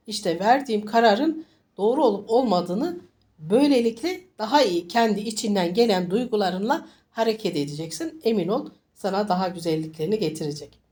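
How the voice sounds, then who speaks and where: A woman reads fortunes in an informal, reassuring manner. She sounds congested from a flu, with a mid-range voice. Her delivery is halting, and she circles back to repeat phrases. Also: medium pitch, animated, mellow. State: congested with a summer flu, sniffly. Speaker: fortune teller. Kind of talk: informal coffee-cup style fortune reading to viewers.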